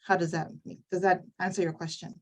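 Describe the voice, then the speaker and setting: A woman talks casually as a guest, explaining her work with plenty of "you know" fillers. Her tone is relaxed and conversational throughout. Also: lowish voice, quick pace, distant mic. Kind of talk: casual video call chat.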